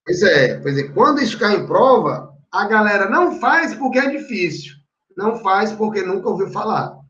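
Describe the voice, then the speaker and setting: A man's voice: sits high, sing-song, moderate pace, fairly bright tone. A man teaching grammar for exam prep, explaining step by step and constantly checking the class is following. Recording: echoey room, distant dull mic.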